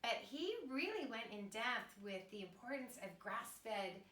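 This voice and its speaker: A woman's voice: fairly high pitch, animated, a little slow, sharp tone. A woman in her fifties hosting a podcast interview, chatty and enthusiastic, rambling from point to point. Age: 50s. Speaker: podcast host. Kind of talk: casual interview chat. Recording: echoey room, distant mic, faint noise.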